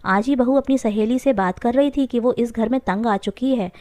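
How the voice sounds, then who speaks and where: A woman voicing a stern, sharp-tongued elderly mother-in-law who scolds bluntly in a family story. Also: a little high, moderate pace, dry recording, close to an everyday voice. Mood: plaintive.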